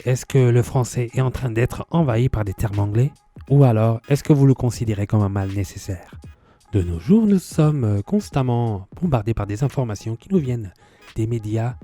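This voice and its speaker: Mellow-voiced sardonic man. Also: medium pitch. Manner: exasperated, sardonic, mocks pronunciations. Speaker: vlogger. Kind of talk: scripted comedic commentary.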